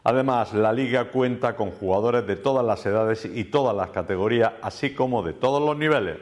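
A male reporter reads a local sports news voice-over. His pitch is in the middle range and his delivery is measured and informative.

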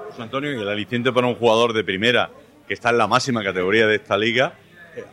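A man interviewing local tennis players, asking brisk, direct questions. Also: lowish voice, steady tone, sharp tone.

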